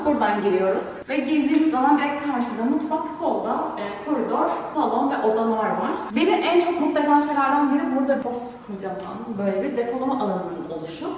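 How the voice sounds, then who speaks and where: A woman chatting casually and excitedly as a vlog host showing an empty home, her voice echoing loudly around bare rooms like in a canyon. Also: on the high side. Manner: excited, bubbly, giggly. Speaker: vlog host giving an empty house tour. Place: empty, echoey apartment rooms. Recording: heavy echo, distant mic, faint noise.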